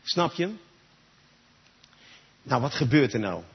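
A man's voice: medium pitch, sing-song, takes it slowly, breathy edge. A man preaching a sermon in a church gathering, talking emphatically and straight to his listeners. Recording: dull lo-fi recording.

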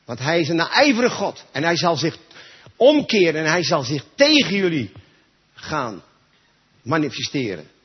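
Husky, lively-voiced male preacher. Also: a little high, moderate pace, long pauses. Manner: emphatic, speaks straight to listeners. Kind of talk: sermon. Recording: dull lo-fi recording.

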